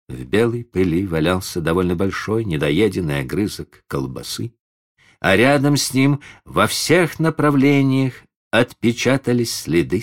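A man reading a classic story aloud in a measured, theatrical storytelling manner. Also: deep voice. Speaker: audiobook narrator.

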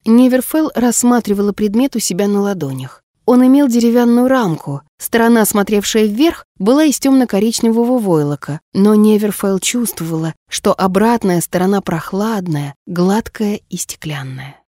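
A woman narrating a story in a measured, expressive audiobook reading. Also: medium pitch, no room sound, studio quality.

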